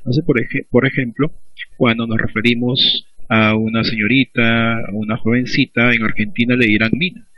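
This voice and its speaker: A man's voice: mid-range voice, level tone, moderate pace, no room sound. A man with a Peruvian accent, a school teacher giving a recorded class lecture, who explains by asking and answering his own questions. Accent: Peruvian Spanish. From Peru. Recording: dull lo-fi recording.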